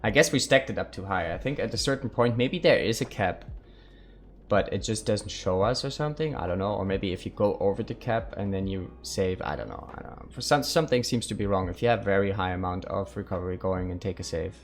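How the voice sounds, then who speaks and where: Live-streaming a survival game, a man thinks aloud and chats casually with his viewers. His lowish voice is animated and fairly quick, with soft music in the background.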